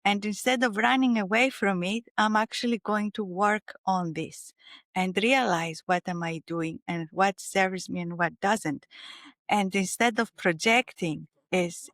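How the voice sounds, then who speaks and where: Woman, Greek accent, spiritual teacher, gentle searching delivery, dry close mic. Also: mid-range voice, no echo. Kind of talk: reflective interview talk.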